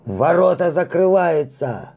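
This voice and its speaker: A man's voice: high voice, big pitch swings, slow pace, dark tone, breathy edge, pitched above the performer's own voice, full character voice. A man voicing panicked superstitious sailors who scream in terror over the radio. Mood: hysterical.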